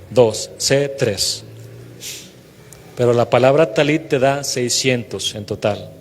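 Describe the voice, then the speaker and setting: A man's voice: medium pitch, darkish tone. A man preaching, retelling scripture dramatically and lifting his voice on key phrases. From Mexico. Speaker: pastor. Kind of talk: sermon. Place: church hall. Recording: long reverb of a church hall.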